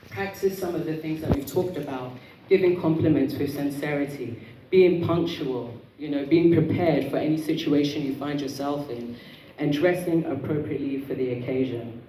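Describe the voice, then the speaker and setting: A woman giving a motivational talk as an etiquette coach, with prim, precise enunciation and a measured, polite manner. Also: low voice, dark tone. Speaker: etiquette coach speaking at an event. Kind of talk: motivational talk to a live audience. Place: indoor event room with audience. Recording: roomy, distant mic, noisy hall.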